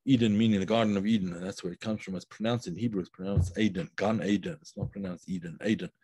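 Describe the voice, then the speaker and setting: A man teaching a live online class, unhurried and thinking aloud with many fillers and restarts, stopping to praise viewers' comments. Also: fairly low pitch, steady tone, dark tone, dry recording. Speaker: Kabbalah teacher.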